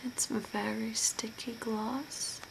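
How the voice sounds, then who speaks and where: In this ASMR role play, a young woman whispers breathily and softly as an unsettling but calm zombie makeup artist, her voice a touch high. She instructs gently at a slow, deliberate pace from a small room at home near a window, and the recording carries clear background noise and hiss.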